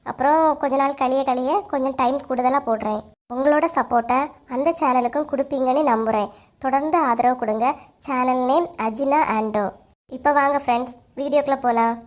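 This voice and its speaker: A woman with a Kanyakumari Tamil accent talks to her viewers. Her voice sits high, and her talk is casual and thankful. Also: fairly even intonation, a little fast. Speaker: channel owner and narrator. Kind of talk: casual channel greeting.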